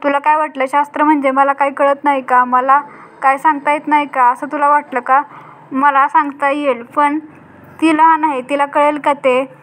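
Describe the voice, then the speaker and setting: A woman voicing a proud, bossy elder daughter-in-law who lectures and scolds in a high, level voice. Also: little pitch movement, moderate pace, fairly bright tone. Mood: stern scolding.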